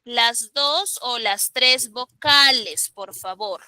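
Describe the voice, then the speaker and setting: A woman's voice: on the high side, slow, sharp tone, no room sound, poor audio. A woman teacher leading a classroom grammar lesson, emphatic and quizzing her students step by step. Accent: Peruvian Spanish.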